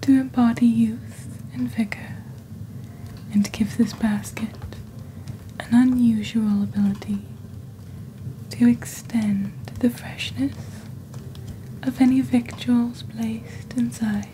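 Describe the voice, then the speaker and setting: On a small, dimly lit indoor set, a woman in the role of a mysterious witch hosts a fantasy shopping channel, showing off magical goods in calm ASMR narration. Pitched on the high side, her soft, breathy, dark voice hovers near a whisper as she speaks slowly, deliberately and theatrically into a close, fluffy-covered studio microphone; faint ambience, slight background noise and low recording quality are audible.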